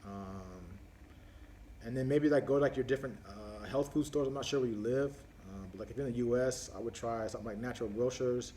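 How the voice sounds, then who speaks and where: On a casual live stream, a man hosts a viewer Q&A, rambling through answers as questions come in, with lots of fillers and restarts. His voice is medium-pitched, brisk and mellow, with a little hiss or hum in the recording.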